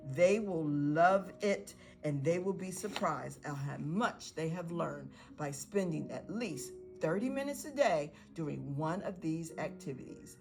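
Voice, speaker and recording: A woman teacher explains learning activities to parents in an encouraging way, sometimes acting out bits of dialogue. Her voice sits a little low and has a gravelly fry. She talks like a guide making a friendly how-to video. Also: animated, a little slow, hardly any pauses, over music. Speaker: pre-K teacher.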